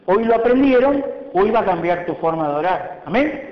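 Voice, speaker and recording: High-voiced rioplatense preacher, animated and chatty, dull muffled sound. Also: male voice, moderate pace. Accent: Rioplatense Spanish. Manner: animated, conversational, acts out quotes. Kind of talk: sermon at a retreat. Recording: echoey hall, dull sound.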